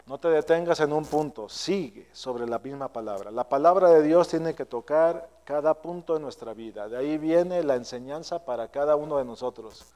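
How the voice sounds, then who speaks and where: A male pastor preaching an earnest, self-searching sermon, his voice often trailing low and soft at the ends of phrases. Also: normal speed, hardly any pauses. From Mexico. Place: church sanctuary. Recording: long hall reverb.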